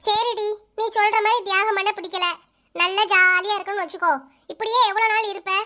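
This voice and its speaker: A woman's voice: very high voice, fairly even intonation. Woman voicing a bossy village neighbor. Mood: scolding. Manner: fast, sharp scolding. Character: brisk young village neighbor woman, bossy but caring. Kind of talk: cartoon voice-over.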